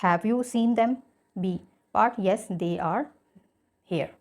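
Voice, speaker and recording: A woman's voice: mid-range voice, very slow, a little mellow. A woman teacher explaining a school English lesson, reading example sentences aloud and then explaining them in Hindi-Urdu.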